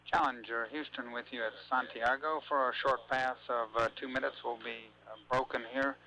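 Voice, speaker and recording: A man working as a mission control communicator, making crisp, procedural radio check-ins with a spacecraft. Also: medium pitch, steady tone, normal speed, bright, forceful tone. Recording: muffled noisy radio link with beeps.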